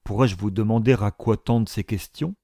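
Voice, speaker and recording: A man voicing a proud, reserved gentleman who speaks in a serious, firm tone. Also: on the low side, normal speed, no room sound, clean studio sound, natural voice.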